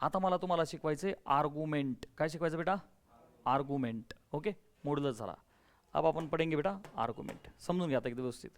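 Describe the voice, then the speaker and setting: A man teaching a maths class in a classroom, energetic, firing questions at students and urging them to answer loudly. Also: fairly high pitch, quick pace. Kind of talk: classroom lecture with call-and-response.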